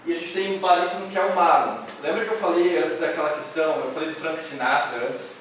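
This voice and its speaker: Loud man in echoey hall. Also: fairly high pitch, fast, a little hiss or hum. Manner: loud, nearly shouting, with many fillers and restarts. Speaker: music workshop instructor. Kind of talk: workshop explanation to students. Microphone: camera from a distance. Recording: echoey hall recorded from far off.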